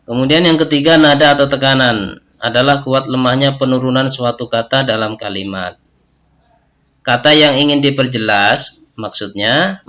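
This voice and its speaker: A male teacher with an Indonesian accent gives a recorded lesson, walking through it step by step and ending sentences with a questioning "ya". His voice sits fairly low, with a bright, forceful tone.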